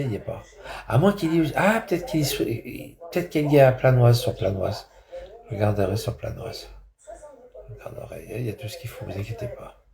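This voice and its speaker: Male vlogger, mellow dark voice, rambling and repetitive, crude slang. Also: mid-range voice, vocal fry. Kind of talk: casual vlog chat.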